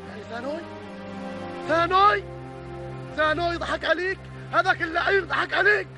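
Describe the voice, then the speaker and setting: A proud, scolding older brother rebukes quickly and forcefully. His voice is very high and pressed. Music runs under the scene. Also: crowd noise. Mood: angry. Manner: scolding, indignant. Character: angry older brother Salem, stern and proud. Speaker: actor. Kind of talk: TV drama acting. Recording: drama audio with music underneath.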